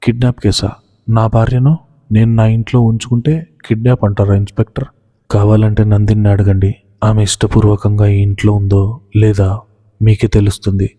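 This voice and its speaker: A man's voice: on the low side, level tone, moderate pace, dark tone, close to an everyday voice. A man playing a wealthy young husband who roars in anger and turns sarcastic. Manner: roaring, sarcastic. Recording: long hall reverb.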